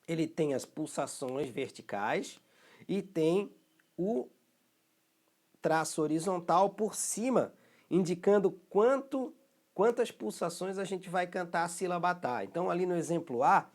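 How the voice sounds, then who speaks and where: A man with a Brazilian Portuguese accent, speaking in a fairly high voice as he teaches a recorded music rhythm lesson. He explains each step patiently and often pauses to check that his students follow along.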